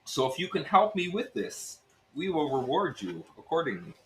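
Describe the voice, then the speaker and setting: A man voicing a gruff male innkeeper with a Russian accent and broken English. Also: a little high, sing-song, moderate pace, fairly bright tone, voice pushed up, low-quality recording. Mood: wheedling.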